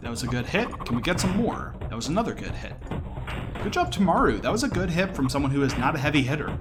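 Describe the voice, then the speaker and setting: Explaining things as he plays, a man offers casual live commentary on a video game speedrun, talking through the run as it unfolds. His voice is a little high, very animated, and fast, with video game music in the background.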